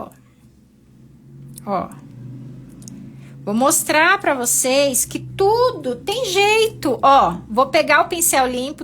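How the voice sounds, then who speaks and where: A woman's voice: high-pitched, a bit bright, slight background noise. A woman teaching a live painting class, patient and encouraging, walking her students through each step.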